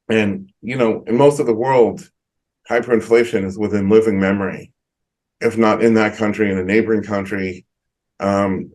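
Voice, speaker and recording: A middle-aged man, an economist guest on a video call, explaining in a measured way with frequent ums. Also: on the low side, darkish tone, low-quality recording. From United States. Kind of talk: interview answers.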